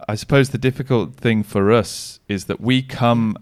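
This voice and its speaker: This man has a medium-pitched voice, fairly even intonation and a moderate pace, recorded with no echo. A sauna business owner, he chats casually as a podcast guest on a remote call, rambling with frequent restarts and fillers.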